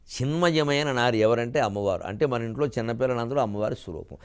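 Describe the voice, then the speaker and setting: An older man giving a televised spiritual discourse, reciting verses in a slow drawn-out chant and rising sharply in pitch for emphasis. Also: smooth. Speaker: spiritual lecturer.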